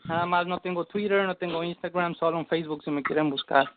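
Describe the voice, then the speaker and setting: High-voiced man freestyling on a phone. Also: steady tone, quick pace, a little hiss or hum. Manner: boastful insults, drops in English phrases. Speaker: battle rapper. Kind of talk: freestyle rap battle over the phone. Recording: tinny dry phone line.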